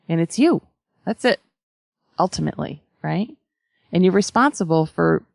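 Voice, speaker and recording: Female spiritual teacher, low and gravelly, emphatic conversational delivery with frequent pauses. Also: darkish tone, no echo, clean studio sound. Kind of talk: spiritual talk to followers, conversational.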